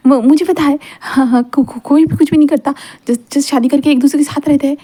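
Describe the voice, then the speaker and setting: Woman voicing a shy flustered guy, stammers a lot, higher pitched, storybook. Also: steady tone, fairly quick, dark tone, natural voice. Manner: stammering, embarrassed. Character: shy, flustered, reserved young man.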